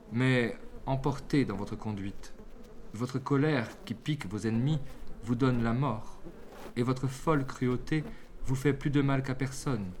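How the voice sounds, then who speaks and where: A man voicing a calm, cool-headed fly answering back in a fable reading. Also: medium pitch, slight background noise, lightly acted. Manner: cool, measured.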